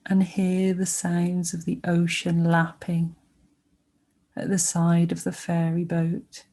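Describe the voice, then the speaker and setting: In a lowish, monotone voice, a female meditation guide narrates a calming sleep meditation. Her phrases are short and gentle, delivered unhurriedly with pauses in between.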